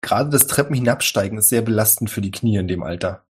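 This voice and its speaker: A man narrating as game master of a tabletop role-playing game, calmly explaining rules and scenes with dry humor. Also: on the low side, fast, slight background noise.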